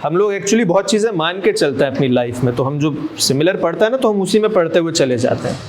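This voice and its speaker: A man giving a medical college lecture, slowly repeating key terms and quizzing his students as he goes. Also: fairly high pitch, animated. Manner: slow, drawn-out emphasis, repeats key terms, quizzes students and calls them "beta". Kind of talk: classroom lecture mixing Hindi and English. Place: lecture room. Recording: noisy lecture recording.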